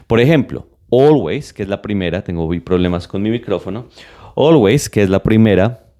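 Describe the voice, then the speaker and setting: A man teaching an English lesson step by step, energetic and emphatic, with lively swings in his voice. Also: deep voice. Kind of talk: classroom-style lesson.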